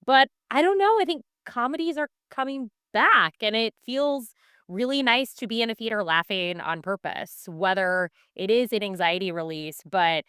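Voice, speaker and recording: A woman from Chicago chats about comedies on a podcast. She is animated and talkative. Her voice is smooth and clear, and the sound is dry and close to the mic. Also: a little high, normal speed, no room sound. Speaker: podcast co-host. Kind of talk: casual movie chat.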